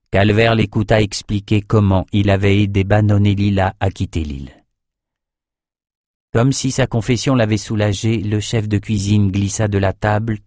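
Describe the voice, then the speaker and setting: Brief: male audiobook narrator, lowish voice, dry close sound, steady dramatic delivery. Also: no room sound. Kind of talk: scripted narration.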